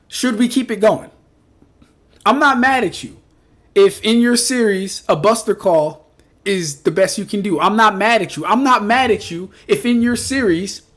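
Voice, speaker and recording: High-voiced, animated male streamer. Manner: animated, teasing, repetitive riffs, laughs often. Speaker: streamer reacting to chat. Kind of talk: casual live-stream chat.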